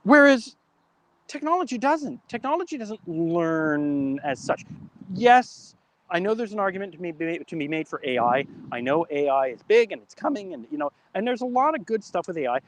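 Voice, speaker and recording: This host's voice sits high and is very animated, delivered at normal speed. Running a live talk show, he talks casually with plenty of stumbles and restarts, telling a long joke in an easygoing, chatty, self-correcting style.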